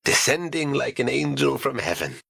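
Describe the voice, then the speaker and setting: A man's voice: mid-range voice, very animated, normal speed, creaky, no room sound, studio quality, exaggerated voice. A man doing a gleeful old baker. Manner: cheerful, shouting with glee. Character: exuberant older male Italian baker boss. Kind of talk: audiobook character voice.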